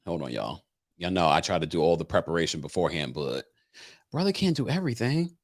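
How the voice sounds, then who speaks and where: A man hosting a reality TV recap show talks to viewers in a casual, gossipy way, theatrical and emphatic, repeating phrases for effect. His voice is low-pitched and fast, with big swings in pitch.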